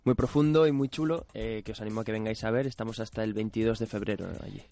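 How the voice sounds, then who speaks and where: A man from Spain, an actor guesting on a radio show, explaining things in a friendly, clear way. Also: on the low side, steady tone, quick pace, warm tone, dry recording. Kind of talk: casual radio interview.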